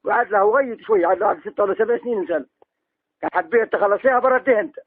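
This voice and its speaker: An Algerian man haggles over the phone in a high, husky voice. He talks quickly, dodging and soothing the other party, on a narrow, tinny line. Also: dry recording. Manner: evasive, placating. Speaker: debtor offering used goods instead of money. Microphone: telephone.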